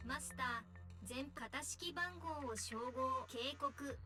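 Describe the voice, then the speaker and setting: A woman voicing a small, old, malfunctioning male combat robot whose voice glitches as it reads out warnings and error messages in halting machine tones. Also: sits high, sharp tone, faint music behind, exaggerated voice. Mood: glitching.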